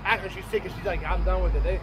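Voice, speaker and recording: A man in his thirties, a fishing vlogger, talks to a close camera on the open deck of a boat at sea about a fishing trip, in a laid-back, rambling, folksy way. His voice sits high with fairly even intonation and a rapid-fire pace. Crowd noise, wind and engine noise are audible outdoors.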